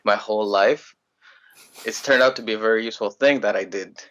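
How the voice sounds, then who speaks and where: A young man from Greece, a musician telling his story in a relaxed, rambling way in a casual interview. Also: on the low side, brisk. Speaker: musician guest.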